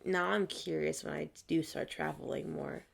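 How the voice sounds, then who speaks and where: A young woman with a Minnesotan accent co-hosting a podcast in casual, animated chat, swearing freely and laughing often. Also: low voice, moderate pace, gravelly, crowd noise. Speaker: podcast co-host.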